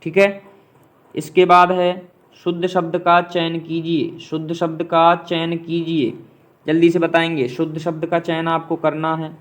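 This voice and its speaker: A man teaches exam spelling, his voice fairly high and held to a narrow, even pitch. He works through questions steadily and repeats each point as a quick question he answers himself. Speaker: exam-prep Hindi teacher. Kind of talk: classroom-style explanation of quiz answers.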